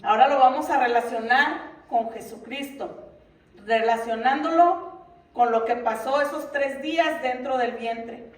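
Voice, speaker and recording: A woman's voice: high-pitched, measured pace. A middle-aged woman giving a Bible lesson to a congregation, earnest and full of rhetorical questions. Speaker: Bible teacher in a church ministry. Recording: roomy echo from a distant mic.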